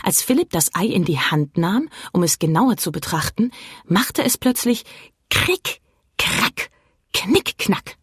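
A woman reading a children's story aloud in a slow, lively and expressive way. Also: on the low side, slightly rough, no room sound, clean studio sound. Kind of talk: scripted children's story narration.

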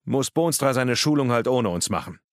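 A man voicing a commanding male police detective who talks briskly. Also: medium pitch, lively intonation, dry recording, studio quality, voice pushed up, natural voice.

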